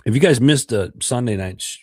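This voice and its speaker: A middle-aged podcast host from the United States, congested with a cold, rambles through a livestream with many fillers and repeated words. His medium-pitched voice is lively and fairly quick, with a breathy edge. There's no room sound, and the audio is studio quality.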